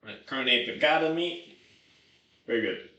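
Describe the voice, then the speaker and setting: In an echoey room, a man streaming himself cooking rambles in casual chat, thinking aloud to viewers and himself and swearing a bit. His voice is medium-pitched, expressive, bright, and forceful, with a slightly slow pace.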